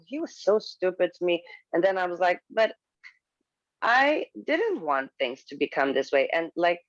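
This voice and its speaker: A guest whose first language is Swedish speaks candidly on a casual video call, her voice fairly low in pitch. She's halting, restarting often and laughing frequently, and the audio is dull and dry.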